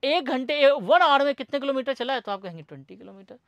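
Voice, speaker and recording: A male teacher lectures at a quick pace in a very high-pitched voice with lively intonation, asking and answering his own questions and sprinkling in English terms. Each point gets repeated as question and answer, and he calls the students "bhai sahab." There is no room sound, but the recording is muffled.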